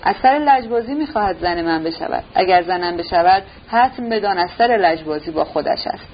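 A woman's voice: fairly low pitch, expressive, lightly acted. A woman voicing a brooding, jealous young man who speaks bitterly and sarcastically, in a dull recording with a faint hiss.

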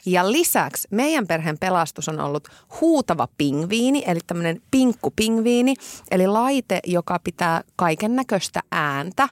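Young woman, lowish voice, casual podcast chat that slows into a soothing tone, dry close sound. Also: sing-song, no room sound. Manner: slow, soothing demonstration of a bedtime routine, laughing often.

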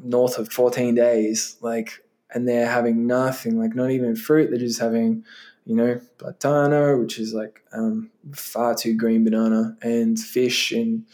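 A man's voice: mid-range voice, little pitch movement, measured pace, mellow. A man as an interview guest, telling a personal story in a loose, rambling way full of "like" and "um". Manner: loose and rambling, many "like" and "um" fillers.

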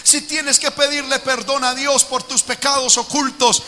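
A man leading a fervent prayer sermon as pastor, moving between hushed prayer and shouted pleading cries. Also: extremely high pitch, level tone, normal speed. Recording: long hall reverb with music behind.

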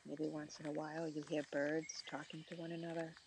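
A soothing guide narrating a meditation in short, slow phrases with long pauses. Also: mid-range voice, monotone. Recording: clear outdoor nature noise, birdsong.

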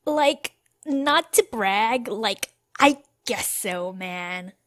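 A woman's voice: on the high side, lively intonation, fairly bright tone, no echo, heavily acted. A woman playing a spaced-out hippie lieutenant who drawls, peppering her talk with "like" and "man". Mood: laid-back. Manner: slow drawl, says "like" and "man". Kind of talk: comedy audio drama acting.

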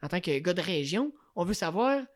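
A woman's voice: lowish voice, big pitch swings, brisk. Young Québécois woman, hesitant chat. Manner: hesitant, many restarts and fillers. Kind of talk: casual chat.

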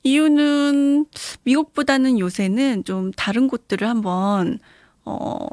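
A woman's voice: sits high, a little slow, a little mellow, no room sound, studio quality. A woman chatting casually as a radio guest, mixing Korean and English as she talks. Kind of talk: casual bilingual interview chat.

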